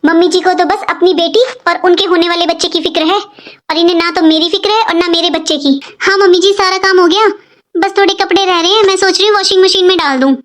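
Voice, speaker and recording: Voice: very high-pitched, steady tone, fast talker, fairly bright tone. Someone voicing a plaintive young cartoon daughter-in-law. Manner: plaintive, pleading. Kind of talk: animated cartoon voice acting.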